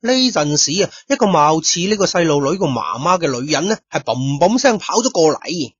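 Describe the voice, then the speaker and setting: A man with a fairly high, slightly rough voice tells a first-person detective story at a normal pace, speaking straight to his listeners and tossing in lively, chatty asides. The recording is dull, lo-fi and dry, made in a studio with no room sound.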